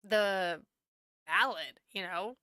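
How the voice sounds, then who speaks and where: A woman hosting a casual recap podcast, chatty and quick to laugh. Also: medium pitch, pushed and bright, clear, resonant tone, no room sound, studio quality. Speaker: podcast host.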